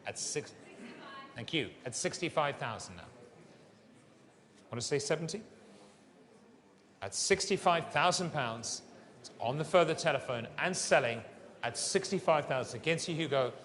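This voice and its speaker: A man's voice: on the high side, animated, normal speed, pauses often, a bit bright. A man working as a fine art auctioneer, calling and repeating bids in polished, courteous patter in a large saleroom. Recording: long reverberant hall sound.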